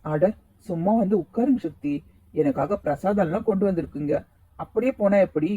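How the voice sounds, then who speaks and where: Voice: medium pitch, a little fast, mellow, breathy edge, dry recording, highs cut off, natural voice. A voice actor playing a friendly, teasing young man in a cartoon, speaking in a coaxing, easygoing way. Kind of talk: cartoon voice acting.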